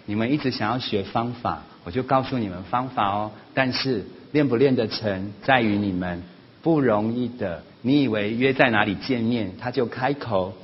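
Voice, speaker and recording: A man giving a sermon-style parenting lesson at church, animated, often acting out family quarrels in a raised voice. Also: medium pitch, normal speed. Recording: slightly dull lo-fi recording with faint noise.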